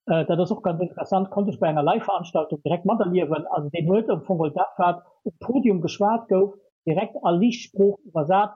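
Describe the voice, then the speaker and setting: A radio guest from a communication center, this man has a Luxembourgish accent and a high, breathy-edged voice. He explains his work quickly with hardly any pauses, yet hesitantly and with many fillers, over narrow, tinny audio.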